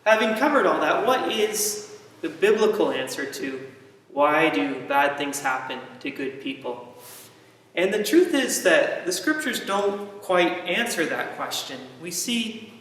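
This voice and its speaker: Echoey, higher-pitched man giving an informal sermon. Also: big pitch swings, measured pace, a bit bright. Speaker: host of a faith series, preacher. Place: echoey gym, indoors. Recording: very echoey gym, distant mic.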